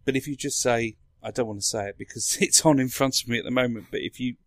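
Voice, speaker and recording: A man's voice: mid-range voice, fast, no echo. A man in a casual tech chat, explaining things in a rambling way as a podcast speaker. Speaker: podcast guest or co-host explaining a console.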